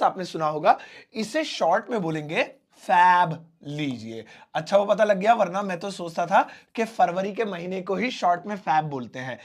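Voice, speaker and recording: A man teaching a spoken English lesson, explaining slowly and repeating each word with everyday examples. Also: high-pitched.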